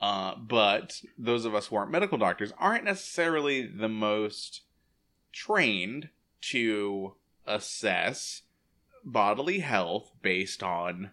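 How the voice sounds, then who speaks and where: A man's voice: on the low side, lively intonation, slow pace, bright, forceful tone. A man with a Boston accent co-hosting a podcast in casual, comedic banter, given to mock-dramatic exaggeration. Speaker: podcast co-host.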